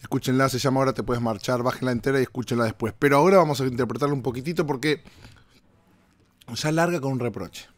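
A man with an Argentine accent hosting a podcast from a hotel room, hoarse and rambling playfully as he talks straight to his listeners. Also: medium pitch, fast talker, no echo. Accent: Argentine Spanish. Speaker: podcast host. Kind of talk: casual comedic monologue.

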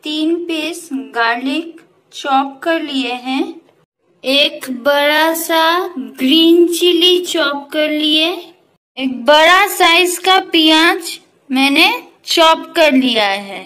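A woman's voice: high voice, extremely slow, sharp tone, soft background music, low-quality recording. A woman hosting a cooking video from her home kitchen, chatting to viewers as friends while she explains each step. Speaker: cooking channel host. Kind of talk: casual cooking tutorial.

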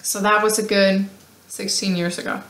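A woman's voice: mid-range voice, normal speed. Woman chatting in a roomy space. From Denmark. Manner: relaxed, chatty storytelling with fillers. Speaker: podcast co-host. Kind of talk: casual podcast chat. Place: home craft room, seated with co-host. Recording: roomy echo.

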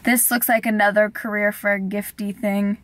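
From inside a parked car, a young adult woman chats for a casual vlog, her camera mounted on the dashboard. Her voice is medium-pitched and fairly bright with a flat delivery and moderate pace, though she's chatty, giggly, and full of "like."

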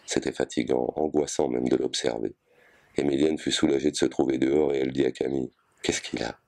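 Man reading a novel out loud, super deep voice, steady. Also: fast, gravelly. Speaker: reader.

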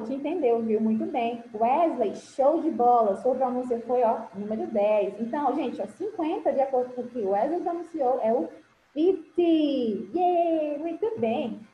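In an online class, a Brazilian Portuguese-accented woman teaches English numbers to children and cheers them on with pet names. Her high voice has lively intonation, moves at a normal speed, and barely pauses. The video-call audio sounds roomy and dull, with a faint hiss.

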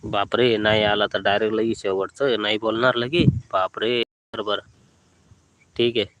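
Chatting casually on a phone live stream from a brick kiln, a young man reads comments and greets viewers by name. His voice is on the low side and fairly bright, with fairly even intonation at a normal speed. He's easygoing, tends to repeat phrases, and the recording is dry.

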